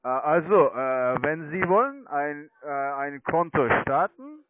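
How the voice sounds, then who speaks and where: Heavy background noise surrounds this phone sales pitch from a man managing online trading accounts. His voice is on the high side with lively intonation, and he speaks slowly and hesitantly in broken phrases, as German isn't his native tongue. The line is tinny and narrowband.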